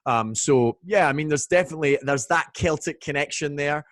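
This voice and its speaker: This Scottish whiskey brand ambassador joins a video call as a guest for a casual interview, chatting easily about whiskey with plenty of fillers. His voice is a little high, fairly quick and fairly bright, recorded at studio quality with no echo.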